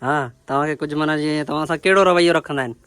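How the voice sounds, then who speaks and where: A man's voice: on the high side, rapid-fire, fairly bright tone, smooth. A man from Sindh, Pakistan, vlogging in village farmland outdoors, asking short questions and repeating each answer back before he turns to the camera. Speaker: village vlogger interviewing workers. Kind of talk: casual interview and talk to camera.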